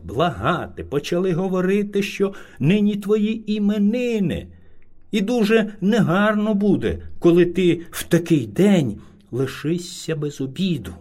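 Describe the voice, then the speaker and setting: A man voicing a small, timid but clever male hare who speaks very politely and flatters. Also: high voice, heavily acted.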